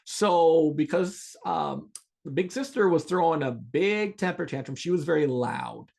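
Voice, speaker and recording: A middle-aged man hosting a podcast, telling a story and explaining a skill in an earnest, animated way with restarts. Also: fairly high pitch, measured pace, creaky. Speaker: podcast host. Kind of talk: storytelling teaching monologue.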